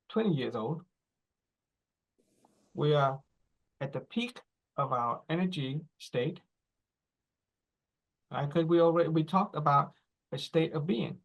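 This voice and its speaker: A man in his forties gives a teaching talk, explaining slowly in short phrases and checking in with "right?" and "okay?". His voice is a little high, and the recording has its highs cut off.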